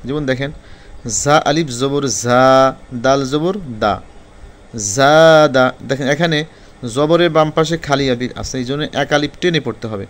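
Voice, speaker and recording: A man teaching Quran reading, spelling out Arabic letters slowly one by one and explaining the rules more quickly. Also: on the high side, clean tone. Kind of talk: spelling-out recitation lesson.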